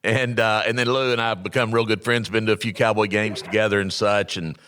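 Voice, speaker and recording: A man's voice: lowish voice, fairly even intonation, brisk, fairly bright tone, smooth. A man who supplies food to restaurants, telling a long story in a rambling, folksy way on a podcast.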